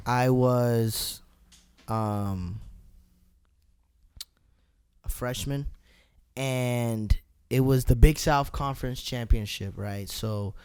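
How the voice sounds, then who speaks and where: A podcast co-host with a smooth, resonant male voice at a middle pitch. He speaks in a relaxed, measured way, taking his time as he tells a personal story in casual chat. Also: dry recording, studio quality.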